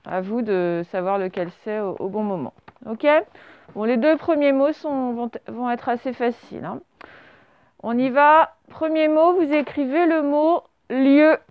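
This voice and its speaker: A woman's voice: high-pitched, steady tone, measured pace, darkish tone, clear, resonant tone, no echo. A woman teacher giving a classroom dictation, spelling words out letter by letter and quizzing her pupils. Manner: asks pupils questions and praises answers. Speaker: primary school teacher.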